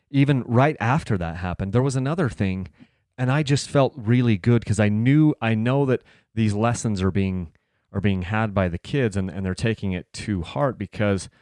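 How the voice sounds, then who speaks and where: A man hosting a podcast, telling a personal story casually and earnestly, dropping soft and low in tense moments. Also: no echo, studio quality. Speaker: podcast host.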